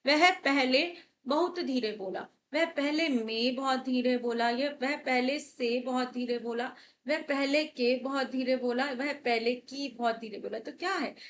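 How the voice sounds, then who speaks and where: A woman's voice: sits high, fairly bright tone, a little hiss or hum. A young woman teacher working through exam questions, asking and answering her own questions as she explains. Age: young adult. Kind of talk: exam paper walkthrough lesson.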